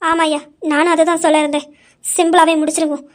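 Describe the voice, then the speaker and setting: Woman with a super high squeaky voice doing the girls in a tv serial story. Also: flat delivery, quick pace. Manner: stammering, shy then teasing character lines. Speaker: storyteller voicing female characters. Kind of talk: dramatic retelling of a TV serial.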